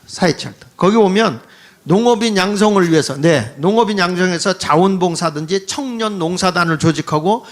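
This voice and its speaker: A man in his sixties giving a history lecture to an audience, animated and mocking, with quips and laughing asides. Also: sits high, brisk.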